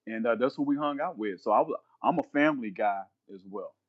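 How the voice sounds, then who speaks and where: Animated and a little fast, a medium-pitched male voice belongs to a minister in his fifties guesting on a podcast. He talks earnestly, says things more than once and cites scripture in a preaching-tinged conversation, and the recording is muffled.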